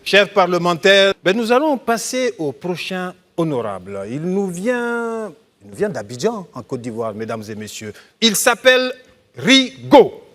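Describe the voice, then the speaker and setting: A man's voice: high voice, sing-song, unhurried. A man hosting a comedy show, introducing the next performer to the audience. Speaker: show host. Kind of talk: stage introduction. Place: comedy stage before a live audience. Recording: live show with loud crowd and noise.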